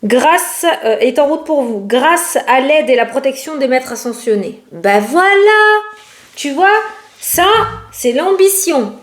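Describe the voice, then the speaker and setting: A woman's voice: sits high, expressive, a little slow. A woman doing a casual, rambling tarot reading who laughs often and speaks with a regional French accent. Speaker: tarot card reader. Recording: echoey room.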